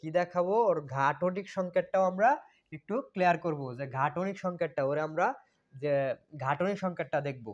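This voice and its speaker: A man's voice: high-pitched, fairly quick. Man teaching chemistry, asking himself questions. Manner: repetitive, asks and answers own questions. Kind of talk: classroom lecture. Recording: dull lo-fi recording.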